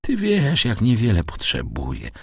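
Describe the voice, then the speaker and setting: A man voicing a frail, tender old father who talks slowly, his voice rising into high, shaky tones. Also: wildly swooping pitch, husky, no room sound, studio quality, full character voice. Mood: weak, gentle. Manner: quavering and slow, breaking into high tones.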